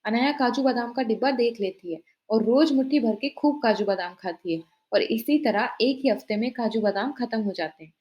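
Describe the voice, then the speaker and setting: A woman telling a family drama story in plain, even scripted narration. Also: fairly high pitch, normal speed, hardly any pauses, dull audio.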